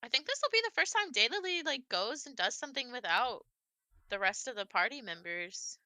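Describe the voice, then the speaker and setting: A woman's voice: fairly high pitch, dry recording. A woman player at a tabletop game, chatting casually and joking. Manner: quick, joking and animated.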